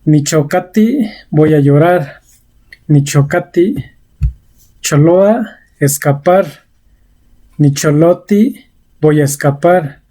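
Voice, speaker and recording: Woman language teacher, unhurried and careful, warm low-key tone, repeats each example. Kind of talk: vocabulary lesson.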